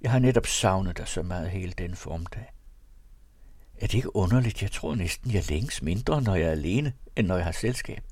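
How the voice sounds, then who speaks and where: A man's voice: low-pitched, lively intonation, darkish tone, no echo. A man reading aloud, voicing a frail, fickle bedridden wife in a raised, pleading tone. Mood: longing.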